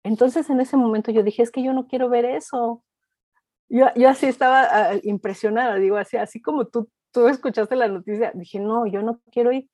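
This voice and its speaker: Animated Mexican woman telling stories. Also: a little high, a little fast, no room sound. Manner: animated anecdote-telling, acting out quoted voices. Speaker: culture reporter, interview guest. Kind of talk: casual storytelling interview.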